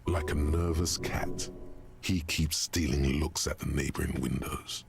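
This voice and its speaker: A man voicing the omniscient narrator of a video game in a deep, gravelly voice, giving scripted narration. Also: fairly even intonation, unhurried, exaggerated voice. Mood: brooding. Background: game music.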